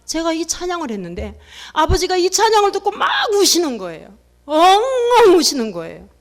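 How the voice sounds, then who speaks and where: A middle-aged woman giving an emotional testimony in a sermon, telling her story with animated, acted-out quotes. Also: very high voice, normal speed.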